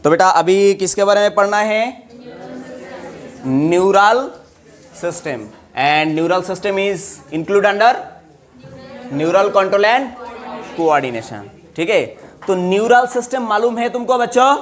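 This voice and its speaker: A man's voice: high voice, expressive, slow pace, pauses often. A male biology teacher lecturing to students. He asks question after question, repeats the answers for them, and mixes English terms into his Hindi. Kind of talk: classroom lecture.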